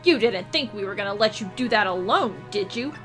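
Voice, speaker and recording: A woman's voice: mid-range voice, animated, fairly quick, over music, close to an everyday voice. A woman voicing a bratty, bossy young prince from a video game. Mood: brash.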